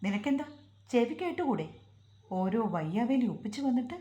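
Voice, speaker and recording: A woman voicing a young village husband who scolds his wife and then softens, in a roomy recording. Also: fairly high pitch, sing-song, moderate pace, highs cut off. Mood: scolding. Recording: roomy echo.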